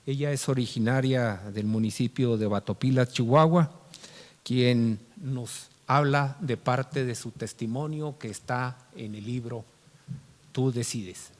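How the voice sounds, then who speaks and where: A man moderating an event, introducing the next segment in an unhurried way. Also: mid-range voice, big-room sound. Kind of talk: formal introduction.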